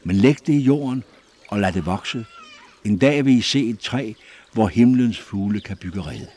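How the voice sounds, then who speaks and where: Audiobook figure: a solemn, declaiming prophet with a low voice, read by a male narrator. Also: expressive, mellow, slightly rough. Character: gentle but stern male prophet, solemn.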